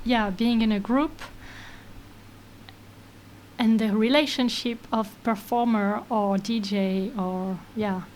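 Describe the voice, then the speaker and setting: A woman's voice: a little high, fairly even intonation, slow, long pauses, darkish tone, slight background noise, rough recording. Giggly woman sound artist, hesitant. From France and Greece. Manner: laughs often, many hesitations. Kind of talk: casual interview chat.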